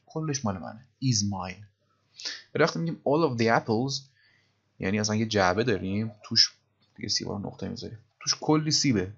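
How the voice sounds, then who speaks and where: A man teaching English grammar in a casual, chatty way, reading English phrases out slowly, word by word. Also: on the low side, vocal fry, husky, dull audio. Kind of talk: casual grammar lesson in Persian.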